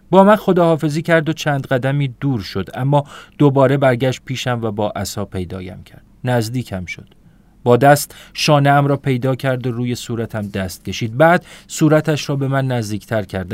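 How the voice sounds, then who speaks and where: A young adult man reading a literary story aloud in a calm, soft-spoken and reflective manner. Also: medium pitch, no room sound. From Iran. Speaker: narrator.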